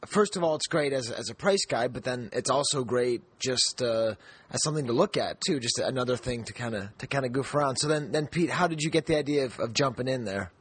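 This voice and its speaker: A man's voice: medium pitch, expressive, brisk, breathy edge. A man hosting a podcast, talking in a friendly, jokey way with lots of restarts. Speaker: podcast host. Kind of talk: casual podcast chat.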